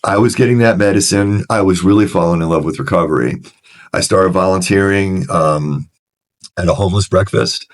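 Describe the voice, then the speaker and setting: A middle-aged man with a low, deep voice tells his story with earnest frankness. He restarts sentences as he goes and gets animated when he retells a scene. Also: normal speed. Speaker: recovery director, podcast guest. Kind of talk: candid personal storytelling in conversation.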